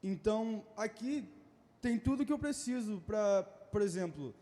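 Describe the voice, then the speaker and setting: A man's voice: high-pitched, lively intonation, unhurried, warm tone. A young man from a youth ministry, earnestly explaining scripture in a casual church chat. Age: teens or young adult. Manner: earnest, quoting scripture, some laughing. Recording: long hall reverb.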